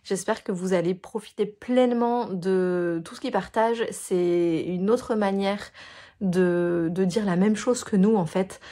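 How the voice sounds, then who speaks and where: A woman's voice: mid-range voice, a little slow, mellow. A woman hosting a podcast, talking earnestly and casually, with frequent hesitations and fillers. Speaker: podcast host. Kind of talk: casual interview and promo.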